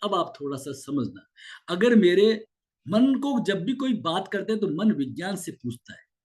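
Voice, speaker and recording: A man's voice: sits high, very animated, unhurried, darkish tone. A male yoga teacher giving an explanatory lecture, asking himself questions and answering them, repeating key words for emphasis. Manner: asks and answers his own rhetorical questions.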